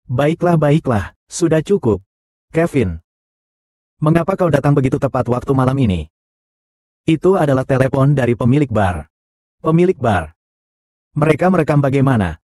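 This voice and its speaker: A man voicing all the roles of a dubbed short drama in the same flat, even delivery, recorded close on a studio mic. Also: mid-range voice, normal speed, pauses often, no echo, natural voice.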